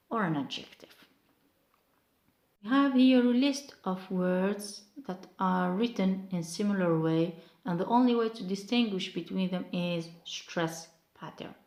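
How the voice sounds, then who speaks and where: A woman whose first language is Arabic, teaching an English lesson and reading out word lists one by one, stressing each word deliberately. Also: medium pitch, darkish tone, reverberant. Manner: slow, deliberate, stressing single words in drilled lists. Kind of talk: recorded grammar lesson.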